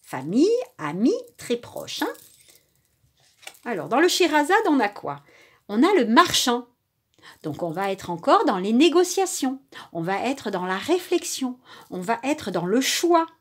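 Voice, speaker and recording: Breathy, lively woman reading cards. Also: on the high side, a little slow. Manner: chatty, lots of "hein" and "euh", stumbles over words. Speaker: tarot and oracle card reader. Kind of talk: casual spoken card reading to viewers.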